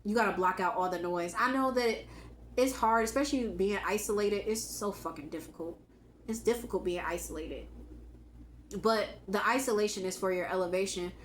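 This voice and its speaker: A woman whose voice is going hoarse gives an emphatic, casual spiritual pep talk to her viewers. She speaks, repeats her key lines and swears now and then. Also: mid-range voice, moderate pace, roomy sound, slight background noise. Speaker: spiritual channel host.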